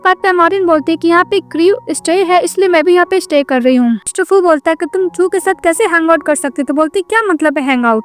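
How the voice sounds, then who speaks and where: A woman narrating a drama plot in a loose, conversational way. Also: soft background music. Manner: fast, high-pitched, loose conversational narration.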